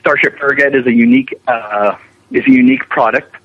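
A visual effects animator, interviewed as a guest, rambles on about his work in a casual, explanatory and enthusiastic way. His medium-pitched voice is steady and fairly quick, carried over a dull lo-fi remote line that sounds like radio.

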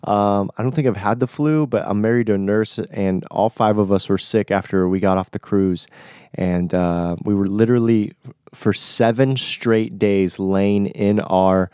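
Young man, nasal stuffed-up voice, lowish pitch, casual podcast host, informal slang, dry close recording. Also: steady tone, a little slow, dark tone, clear, resonant tone, no echo. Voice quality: nasal, congested voice. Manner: informal, conversational, buddy-like slang. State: recovering from flu, stuffy nose. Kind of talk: casual solo podcast talk.

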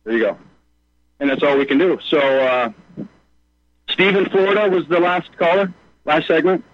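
A man's voice: on the high side, normal speed. A middle-aged man calling into a radio show on a buzzy speakerphone, talking in an earnest, rambling way. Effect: speakerphone call. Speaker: caller. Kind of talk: call-in radio talk. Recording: muffled speakerphone call on radio.

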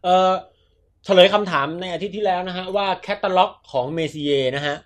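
A man hosting a casual podcast. He explains ideas chattily and softens his phrases with polite particles. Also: sits high, normal speed. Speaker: podcast host.

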